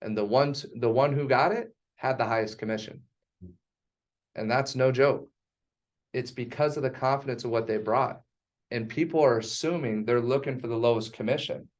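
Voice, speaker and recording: A man's voice: medium pitch, normal speed. Emphatic man teaching a class. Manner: emphatic, teasing. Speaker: real estate sales instructor.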